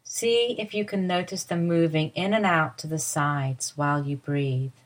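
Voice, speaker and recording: Slow, low-voiced woman guiding relaxation. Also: steady tone. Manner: soft, slow, soothing guidance. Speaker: movement teacher guiding a lie-down. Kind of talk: guided body-awareness instruction.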